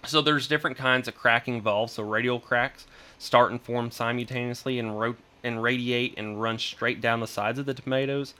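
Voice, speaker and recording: A man's voice: medium pitch, fairly even intonation, normal speed, sharp tone. A young man, an extension guest reading garden advice earnestly, stumbling over words and starting sentences with "so". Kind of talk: reading an informational segment.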